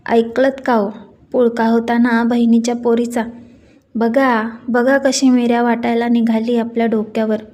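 A woman's voice: a little high, level tone, moderate pace, lightly acted. A woman voicing a greedy, scolding middle-aged aunt who taunts her niece. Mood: taunting. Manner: taunting, sharp-tongued.

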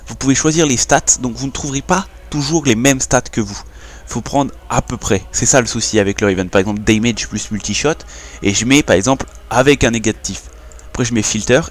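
A young man casually talking through a game tutorial, hesitating and restarting often. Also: medium pitch. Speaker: gaming YouTuber.

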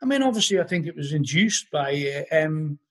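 This podcast guest, a middle-aged singer in a band with a Liverpool accent, spins loose storytelling anecdotes packed with "you know" from home on a video call through his laptop webcam. His voice is a little high, with big pitch swings and a moderate pace.

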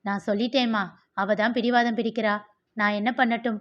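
A woman's voice: a little high, level tone, a little fast, natural voice. A woman voicing a weary young man who speaks in a subdued, sorrowful tone. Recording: dull lo-fi recording.

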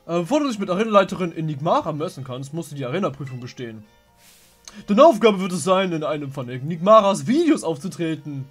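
A woman's voice: low-pitched, big pitch swings, fast talker, breathy edge, faint music behind, exaggerated voice. A woman voicing a polite, official male arena receptionist from a video game. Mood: formal, businesslike. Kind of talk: dubbing video game dialogue.

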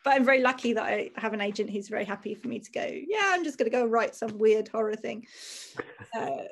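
A woman's voice: fairly high pitch, brisk, vocal fry. Chatty woman author on a video call. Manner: chatty, self-deprecating, laughs often. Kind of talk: casual video-call conversation. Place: home room with bookshelves.

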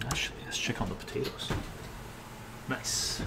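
An older man at a moderate pace talks through his cooking on a kitchen live stream at home, responding to viewers' chat. The audio is very noisy, captured by a fixed camera mic as he moves around the kitchen.

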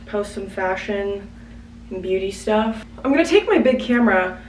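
A woman's voice: medium pitch, animated, normal speed. A chatty young woman from Virginia talks to her vlog camera, wandering from thought to thought with plenty of "like." She sits a few feet back from the mic in a small bedroom, so her voice carries a roomy echo with a faint hum behind it. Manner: chatty, rambling, lots of "like". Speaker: vlogger. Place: small bedroom at home, indoors. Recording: roomy, slightly distant home recording.

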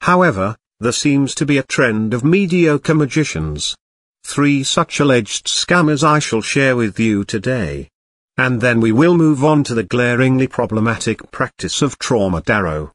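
A man narrating scripted commentary as host in a formal, deadpan way. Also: medium pitch, a little slow, no echo, studio quality.

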